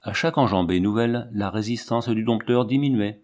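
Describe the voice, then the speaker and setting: A man reading a novel aloud as narrator, with a dramatic, expressive delivery. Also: fairly low pitch, brisk. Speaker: audiobook narrator. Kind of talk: scripted narration.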